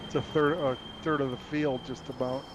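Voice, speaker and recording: A man chatting casually and in a low-key way during a sim race. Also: level tone, moderate pace, muffled recording. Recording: loud vehicle noise behind. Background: race car engine noise.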